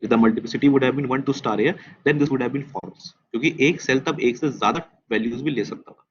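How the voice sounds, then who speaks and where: A man's voice: medium pitch, husky, lo-fi sound. Man teaching in Hindi-English mix. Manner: mixes Hindi and English, repeats key statements slowly; quizzes students with questions. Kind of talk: test discussion lecture.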